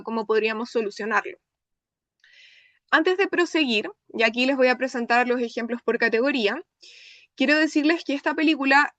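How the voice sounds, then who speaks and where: A young woman with a Chilean accent lectures in an open class, her voice set high. She explains things step by step and often stops to check that her listeners follow. The sound is dry and close. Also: a bit bright, dry recording. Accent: Chilean Spanish. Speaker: lecturer presenting her research. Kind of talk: academic talk in an open class.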